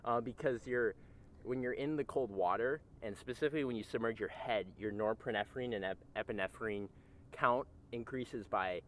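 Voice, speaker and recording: Casting: young adult male, casual explainer sitting in icy water, outdoor rumbly background noise. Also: normal speed. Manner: talking while immersed in ice-cold water. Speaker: interviewed cold-plunge enthusiast. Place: outdoors in a frozen lake.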